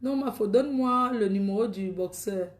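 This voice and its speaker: A woman's voice: medium pitch, normal speed, roomy sound. A woman hosting a live stream, chatting in a bawdy, laughing way with frequent exclamations. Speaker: live-stream host selling products. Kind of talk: raunchy casual live chat.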